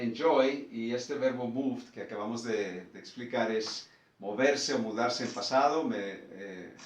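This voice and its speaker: A man teaching a lesson, explaining patiently and repeating words slowly so learners can follow. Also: mid-range voice, roomy sound, recorded from a distance. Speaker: English teacher.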